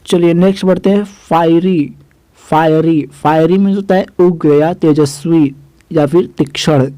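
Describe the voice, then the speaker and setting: A man's voice: a little high, fairly even intonation, measured pace, warm tone, no echo, poor audio. A young man teaching English word meanings, spelling each word out letter by letter and repeating the meanings. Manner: addresses viewers as "guys". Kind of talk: vocabulary lesson.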